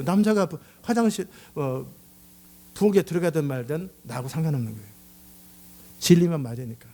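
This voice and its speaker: A middle-aged male pastor preaching a sermon, acting out angry outbursts and jokes as he goes. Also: high voice. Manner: animated, acts out angry outbursts and shouts.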